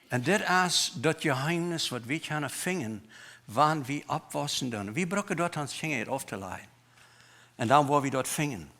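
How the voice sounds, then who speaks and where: A man preaching a sermon in a church, with a Low German accent, mixing German and English words into his talk in an emphatic way. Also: fairly bright tone. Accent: Mennonite Low German.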